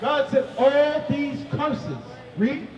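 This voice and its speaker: A man preaching outdoors on a city street, quizzing a passerby and often shouting and repeating his points. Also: very high voice, slow, roomy sound, recorded from a distance, lo-fi sound.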